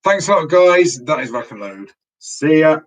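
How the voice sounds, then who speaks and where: The low-quality laptop-mic audio catches a man hosting a relaxed home live stream while losing his voice. His pitch is fairly high and he's very animated at a moderate pace, rambling chattily with frequent restarts.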